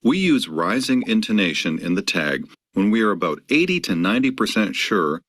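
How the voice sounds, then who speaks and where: A man giving scripted instructional narration on grammar, measured and explanatory, acting out the example sentences. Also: on the low side, very animated, fairly bright tone, no echo, studio quality.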